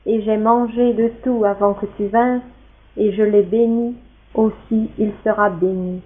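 A woman reading the part of an old blind father in a scripture reading, in a solemn, measured way. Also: medium pitch, steady tone, lightly acted. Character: Isaac, old blind father blessing his son. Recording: tinny phone-like sound.

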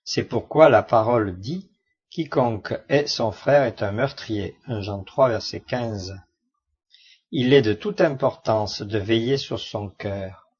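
A man reading a devotional Bible study commentary aloud in a measured, earnest way. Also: on the low side, a little mellow, slightly rough. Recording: muffled lo-fi recording.

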